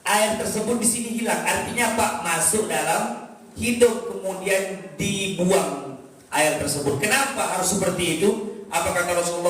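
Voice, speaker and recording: A man's voice: sits high, a bit bright. A man preaching to a congregation, asking questions and answering them himself. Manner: addresses the congregation directly, asks and answers his own questions. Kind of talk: religious lecture. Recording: echoey hall, distant mic, faint noise.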